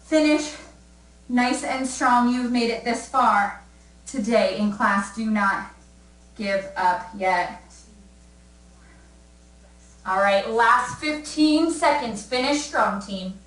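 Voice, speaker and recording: A breathless young woman coaches a home workout class, upbeat and encouraging as she calls out cues and counts down. Her voice sits a touch high and bounces around an echoey room, picked up from some distance away. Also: slow, long pauses, fairly bright tone. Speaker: fitness instructor. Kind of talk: live fitness class cues.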